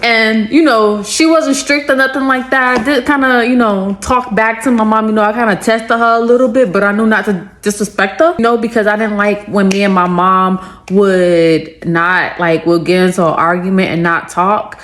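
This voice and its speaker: A young adult woman, telling a casual storytime and breaking into lively, high-pitched quoted voices. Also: moderate pace, few pauses, slight background noise. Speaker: storytime creator.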